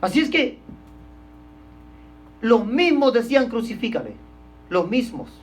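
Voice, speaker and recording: A man's voice: very high-pitched, expressive, takes it slowly. Emphatic male pastor preaching a sermon. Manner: emphatic preaching, swinging between loud stresses and hushed drops; keeps addressing listeners as brother.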